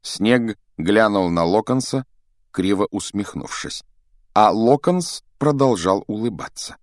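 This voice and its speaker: A man's voice: lowish voice, animated, slow pace, no room sound, studio quality. A man narrating a fantasy novel aloud as an audiobook reader, telling the story expressively.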